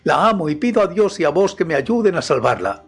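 A frantic young man in love, voice pushed high and loud with desperation, as a male narrator acts him out. He pleads and cries out, each phrase strained with urgency, in a storybook reading. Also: very animated, a little fast, husky, exaggerated voice. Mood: desperate.

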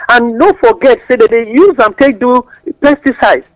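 High-pitched Nigerian man explaining in Pidgin. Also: moderate pace, no room sound, poor audio. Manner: didactic, uses examples and rhetorical questions. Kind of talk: explanatory talk in West African Pidgin English.

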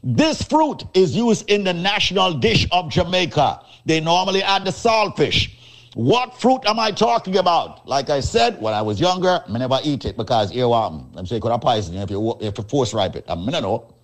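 Lively radio pitchman. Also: a little fast. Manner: showy, teasing, repeats himself. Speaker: radio host selling a supplement. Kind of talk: radio sales pitch with a trivia quiz.

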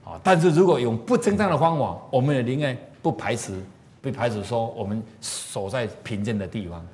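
A man's voice: mid-range voice, a little fast. A man giving a moral lecture through stories, often asking the audience questions. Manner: animated, asks the audience questions. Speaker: moral teacher.

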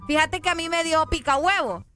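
A woman's voice: very high voice, brisk, pushed and bright, soft background music. A woman, a radio host telling stories in chatty banter and laughing often.

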